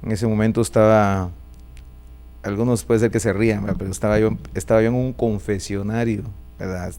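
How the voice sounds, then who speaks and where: A middle-aged man with a Guatemalan Spanish accent, a pastor telling his life story in a relaxed interview and often tagging his sentences with a questioning "right?". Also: on the low side, a little fast. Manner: chatty, often tags lines with a questioning "right?". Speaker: pastor and prophet, interview guest.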